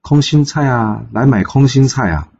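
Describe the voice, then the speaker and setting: A man voicing a mysterious woman selling vegetables, calling out high and drawn-out. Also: a little mellow, breathy edge, dull audio.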